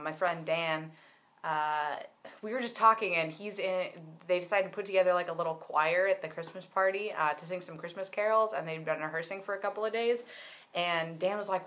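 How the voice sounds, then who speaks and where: A young adult man with a high, sharp-toned voice chats casually to a webcam for a personal vlog. He's chatty and candid, full of fillers and restarts, recording indoors in a bedroom lined with bookshelves.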